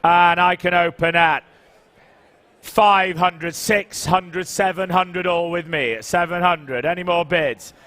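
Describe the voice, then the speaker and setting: High-pitched male auctioneer calling bids. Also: fairly even intonation, slow, bright, forceful tone. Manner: auctioneer's repetitive bid calling, coaxing bidders.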